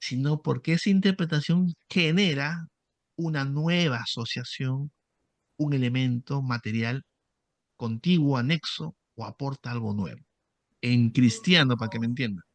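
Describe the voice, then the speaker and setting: A man's voice: mid-range voice, moderate pace, dry recording. A middle-aged man, a psychoanalyst who explains cases in an interview and acts out the dialogue of his sessions. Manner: animated storytelling, acts out dialogue with patients. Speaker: psychoanalyst guest.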